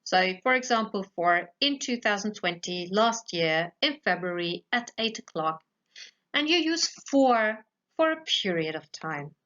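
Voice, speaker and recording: A woman teaching English grammar to schoolchildren in a recorded lesson has a medium-pitched voice that sounds pushed and bright. She's animated but measured, going step by step with patience and often checking in with "okay?"; the voice-over comes across a bit dull and lo-fi.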